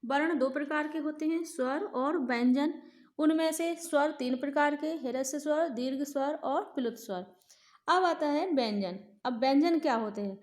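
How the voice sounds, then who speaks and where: A woman teaching a grammar lesson to children, speaking slowly and clearly and repeating lists of sounds for her pupils. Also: high-pitched. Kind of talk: classroom lesson.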